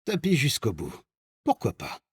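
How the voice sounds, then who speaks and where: A man playing a reckless, laid-back cartoon gambler with a husky, breathy voice and an offhand manner. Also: mid-range voice, huge pitch swings, heavily acted. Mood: carefree. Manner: slow, offhand, unbothered. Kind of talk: animated cartoon dialogue.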